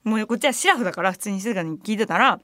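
A young woman hosting a radio show, telling a story in a casual, animated way, with laughter and playful retorts. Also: mid-range voice, very fast, no room sound, studio quality. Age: young adult. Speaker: radio host. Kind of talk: casual chat. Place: radio studio. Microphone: studio microphone.

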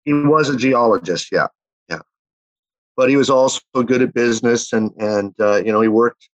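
A Canadian man in his fifties from Winnipeg, Manitoba, speaks as an interview guest, reminiscing in a casual chat. His medium-pitched voice moves at a moderate pace as he tells long, rambling stories full of fillers and restarts. The audio is dull with no echo.

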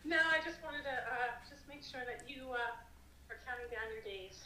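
A middle-aged woman comes through a phone held on speaker, her voice sounding distant and thin. She speaks high and keeps her words brief and affectionate. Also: normal speed, pushed and bright. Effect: heard through a phone on speaker. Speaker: caller, host's mother.

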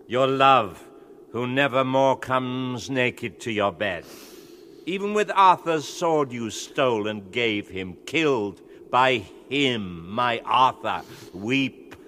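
An actor playing a grave, brooding wizard and prophet in a poetic audio drama, with a solemn, incantatory, measured delivery. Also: male voice, mid-range voice, bright, forceful tone, a little hiss or hum. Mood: solemn lament.

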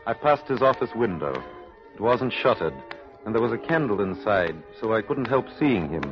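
An actor playing a gentle husband telling his wife news, in 1930s radio drama style. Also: lowish voice, big pitch swings, moderate pace. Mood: reflective. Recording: muffled old radio broadcast, music behind.

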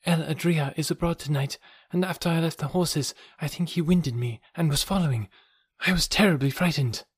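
A man reading aloud puts on a daring young woman, daughter of a desert chieftain. She speaks in a lifted, softened tone, hushed and earnest. Beneath it her pride shows. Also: on the high side, normal speed, breathy edge, no room sound, pitched above the performer's own voice.

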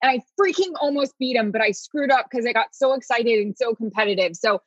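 A woman's voice: a little high, brisk, dry recording, muffled recording. Bubbly, joking woman sideline reporter. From Florida. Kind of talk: casual interview chat.

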